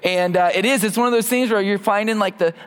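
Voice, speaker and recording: Speaking fast in a high-sitting, clear, resonant voice, a preacher in his thirties gives a casual sermon and prayer in a church hall with a mic on. He's self-deprecating and often restarts sentences, and a long reverb tail follows his words.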